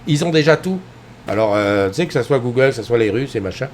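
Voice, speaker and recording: Middle-aged man, mid-pitched voice, live-stream host, animated rambling chat, lots of fillers and restarts, faint hiss behind. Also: fast talker. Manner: animated and rambling, full of restarts and fillers, addresses viewers by name. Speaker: host of a live morning show. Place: indoors at home, with a TV behind him.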